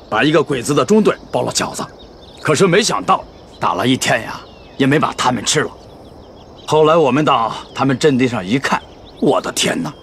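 An actor playing a calm, shrewd, battle-hardened male commander who explains his plans steadily in a TV war drama. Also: medium pitch, a little hiss or hum. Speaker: army commander.

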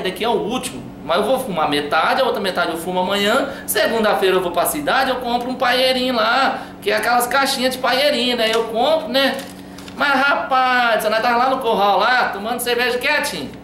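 A man telling a funny anecdote in a lively, chatty way. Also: very high-pitched, echoey room, a little hiss or hum. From Brazil. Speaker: storyteller.

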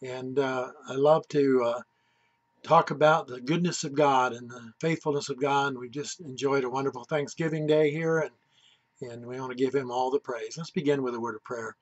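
A man hosting a religious news commentary show with prayer, talking in a folksy, unhurried way with many "uh" fillers. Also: mid-range voice, steady tone. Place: home in Wake Forest, North Carolina. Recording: slightly dull lo-fi recording.

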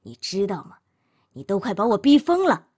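A woman's voice: mid-range voice, very animated, normal speed, darkish tone, husky. A woman voicing an angry young man who coldly breaks up with his girlfriend, speaking harshly and with clipped force. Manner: harsh, clipped, then bitterly pleading.

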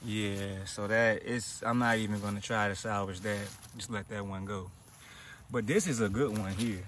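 A man giving a casual gardening walkthrough outdoors, slightly out of breath and talking in a relaxed, chatty way. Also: fairly low pitch, a little hiss or hum. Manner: relaxed, chatty, thinking aloud with fillers. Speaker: gardening vlogger.

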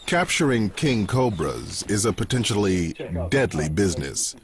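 A man reads scripted nature documentary narration in a measured, dramatic storytelling delivery. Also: fairly low pitch, big pitch swings. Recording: music bed under the narration. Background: background music.

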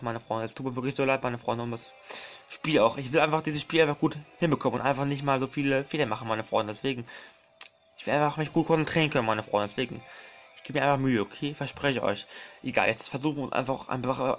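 Calling his viewers his friends, a man rambles through casual let's play commentary, apologizing often and repeating his words. His voice is mid-range with a fairly bright tone.

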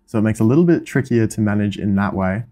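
The host is a young adult Australian man with a fairly low, dark-toned voice who talks fast and sounds animated. In his casual indoor workshop vlog he explains electronics assembly with enthusiasm, counting things out.

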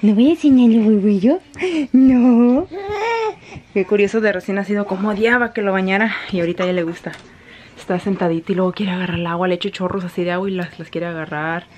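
A woman's voice: lowish voice, steady tone, fast talker, muffled recording. A woman with a Mexican accent chatting casually in a rambling way as a vlogger at home. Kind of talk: casual chat.

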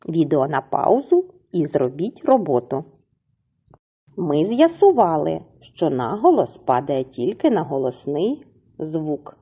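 A woman teacher speaks to young pupils in a recorded lesson, with a low, husky voice whose pitch rises and falls a great deal. She goes slowly and carefully and stretches each example word out syllable by syllable. The recording sounds dull and lo-fi. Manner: slow, deliberate, stretches example words syllable by syllable. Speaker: primary school teacher.

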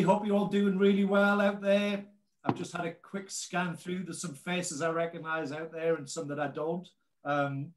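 Heard through poor audio, this fairly high-pitched man in his late 40s speaks with a Geordie accent from North East England. He represents a ski brand and presents as a guest on a video call, keeping things casual and chatty.

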